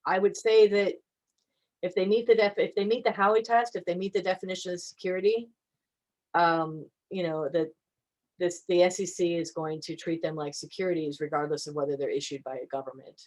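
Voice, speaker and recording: A woman with a fairly low voice answers questions as an invited attorney. She speaks in a conversational, loose way. She hesitates often, with plenty of fillers and restarts. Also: steady tone, brisk, darkish tone, poor audio. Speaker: guest attorney.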